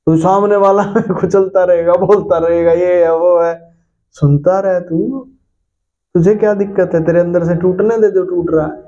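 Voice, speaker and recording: Male pastor from India, emphatic repetitive preaching, slightly high dark voice, muffled lo-fi recording. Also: steady tone, unhurried. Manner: emphatic, repetitive, addresses listeners directly with rhetorical questions. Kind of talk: Hindi sermon. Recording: dull lo-fi sound with faint music.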